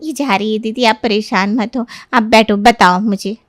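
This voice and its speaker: A woman's voice: on the high side, steady tone, moderate pace, dry recording, studio quality, lightly acted. A woman voicing a caring middle-aged mother in a cartoon story, coaxing and soothing in tone. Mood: flustered. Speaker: Madhu, Sonia's mother.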